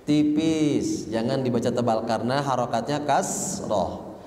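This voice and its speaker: A man's voice: on the high side, normal speed, darkish tone. A man teaching Quran recitation, patiently drilling pronunciation and chanting example verses. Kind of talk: Quran memorization lesson. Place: mosque hall. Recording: roomy hall reverb, faint noise.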